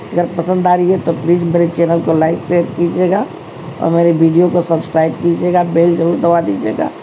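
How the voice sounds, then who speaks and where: A woman's voice: on the low side, monotone, a little fast, noisy background. A woman hosting a home cooking tutorial, talking chattily to her viewers, calling them friends and often correcting herself. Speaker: cooking channel host. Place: home kitchen.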